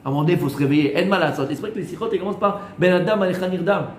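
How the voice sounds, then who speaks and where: A man, a rabbi, giving a lively Torah class to a small group, teasing and quizzing them as he goes. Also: high-pitched, very fast, slight background noise. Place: room with a small group of students. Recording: echoey room.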